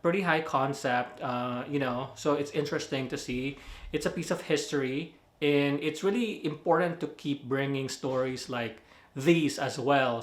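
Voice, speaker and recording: In an echoey room, a fairly high-pitched man with a Filipino accent rambles through a casual movie review. He piles on fillers, corrects himself often, and laughs at his own mistakes.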